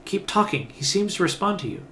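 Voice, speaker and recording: A man voicing a fussy, eager woman scholar who speaks in brisk, clinical terms. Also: sits high, very animated, gravelly, bright, forceful tone, slight background noise, pitched above the performer's own voice, full character voice. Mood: excited. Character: eager, fussy female scholar studying souls.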